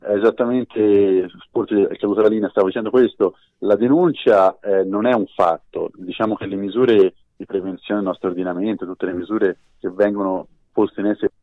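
A man's voice: fairly low pitch, fairly even intonation, normal speed, few pauses, no echo. A man speaking over the phone as a legal expert guest in a radio interview, explaining in a formal, precise way. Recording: tinny phone line.

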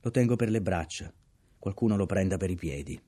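A man voicing a calm, courteous sailor. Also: sits low, a little fast, breathy edge. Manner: unruffled, courteous. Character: calm, polite male sailor.

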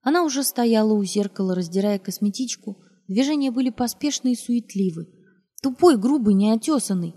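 Mellow-voiced woman reading a novel. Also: fairly high pitch, brisk, hardly any pauses, dry recording, clean studio sound. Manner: lively, expressive reading. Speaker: audiobook narrator. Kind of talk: scripted literary narration.

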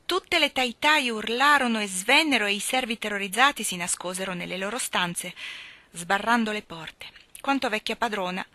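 A woman reading a novel aloud as an audiobook, voicing the dialogue with lively expression. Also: mid-range voice, no room sound. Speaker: reader.

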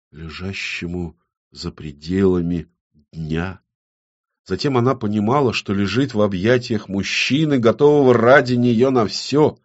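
A man narrating an audiobook in a measured, intimate storytelling manner. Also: fairly low pitch, lo-fi sound.

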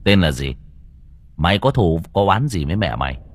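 A fearless young exorcist in an audio horror story, played by a male narrator, low-voiced, blunt and commanding. He sounds husky and close, with a dry, dead sound and no room around him. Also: big pitch swings, normal speed, no echo, full character voice. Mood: stern.

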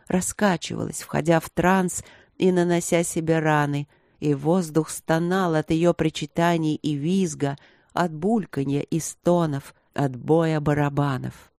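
An audiobook reader narrating a dark fantasy novel in an even, measured storytelling voice. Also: medium pitch, no echo, studio quality.

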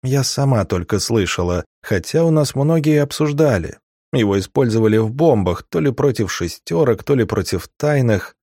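A man voicing a sharp-tongued young female thief in an audiobook, lifting his voice higher and speaking in a brisk, sardonic way. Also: lively intonation, no echo, clean studio sound. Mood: explaining. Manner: raised lighter pitch, brisk and sardonic.

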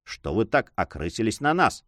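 A man's voice: on the low side, sing-song, moderate pace, fairly bright tone, dry recording, clean studio sound. A man voicing a grumbling, sleepy male servant who talks bluntly and exclaims a lot. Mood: exclaiming.

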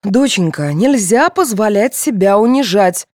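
A haughty mother, put on by a woman reader, full of shrill outrage and raised, lively pitch. The recording is dry and close. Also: a little slow, no echo, close to an everyday voice. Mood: indignant. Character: indignant middle-aged mother, haughty and quarrelsome. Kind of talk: audiobook character voice.

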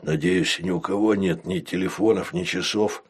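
A man voicing a burly male tavern keeper who speaks in a low, calm bass with quiet menace. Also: normal speed, husky. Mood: wry.

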